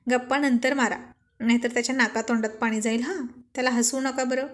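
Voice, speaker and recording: A woman's voice: a little high, steady tone, brisk, lightly acted. Woman voicing a shy, laughing young mother. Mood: playful. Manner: gently scolding, laughing.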